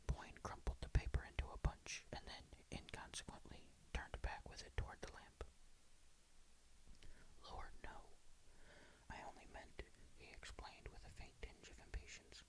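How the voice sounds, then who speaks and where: Someone reads a ghost story aloud close to the mic, using a breathy, hushed whisper that builds suspense. The recording quality is low.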